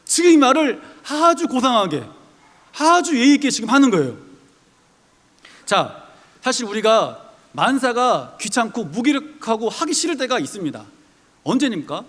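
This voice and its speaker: A male pastor preaching a sermon, animatedly acting out figures and everyday people in dialogue. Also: very high voice. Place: church sanctuary. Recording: long reverb of a church hall.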